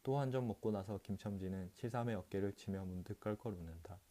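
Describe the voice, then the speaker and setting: Low, mellow male audiobook narrator. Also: quick pace. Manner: calm, steady reading with occasional restarts. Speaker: audiobook reader.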